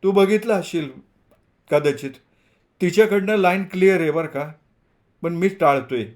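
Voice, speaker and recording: A man's voice: high voice, normal speed, a little mellow, voice pushed up, close to an everyday voice. A man reading a novel aloud, voicing a shy, nervous young male student in a raised, hesitant voice. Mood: hesitant, eager.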